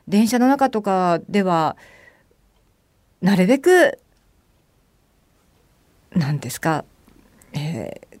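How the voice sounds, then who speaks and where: A woman's voice: fairly high pitch, darkish tone, dry recording, clean studio sound. Chatty middle-aged Japanese woman radio host. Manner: chatty storytelling, acting out quoted voices. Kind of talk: casual solo radio monologue.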